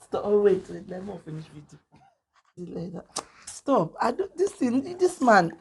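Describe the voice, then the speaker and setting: A woman's voice: medium pitch, big pitch swings, measured pace, creaky, a little mellow, slight background noise. A young woman with a Nigerian accent, co-hosting a food vlog and teasing her husband in casual chat. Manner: teasing, scolding, Pidgin-mixed chatter. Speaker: vlog co-host.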